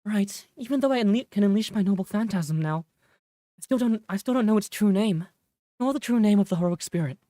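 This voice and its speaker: A man's voice: sits high, fairly quick, mellow, no room sound, clean studio sound, voice pushed up, close to an everyday voice. A man voicing a shy young woman knight. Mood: unsure. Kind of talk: reading game dialogue aloud.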